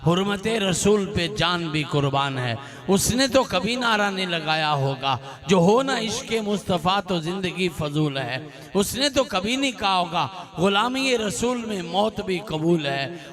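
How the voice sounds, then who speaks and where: A man delivers a fiery sermon in a high voice, slow and deliberate, stacking line after line of repeated refrains. His voice climbs into fervent bursts. Behind him a crowd murmurs across the gathering. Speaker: preacher. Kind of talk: impassioned religious sermon. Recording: crowd noise at a public gathering.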